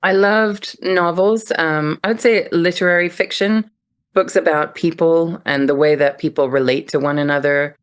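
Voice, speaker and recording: A woman's voice: low voice, steady tone, normal speed, clean tone. A middle-aged woman who grew up in Europe speaks as a podcast guest. She answers in a thoughtful, reflective way and laughs easily. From Europe (Netherlands, France, Germany). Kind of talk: casual interview answers.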